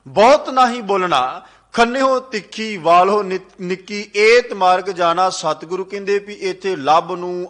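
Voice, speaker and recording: Guy preaching a sermon, high bright voice, chants verses in between. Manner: sing-song recitation of scripture lines; repeats phrases for emphasis. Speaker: Sikh preacher giving katha. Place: gurdwara hall.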